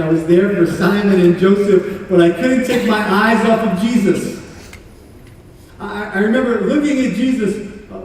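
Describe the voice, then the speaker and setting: A man acting out a remorseful condemned criminal in a church monologue, speaking earnestly and halting, repeating words as he goes. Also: high-pitched, a little mellow, a little hiss or hum, natural voice. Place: large church sanctuary. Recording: echoey hall from far off.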